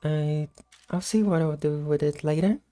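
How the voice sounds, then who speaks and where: A woman giving casual, unhurried gameplay commentary in a sleepy, just-woke-up morning voice. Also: low-pitched, dark tone, soft background music. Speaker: gameplay host.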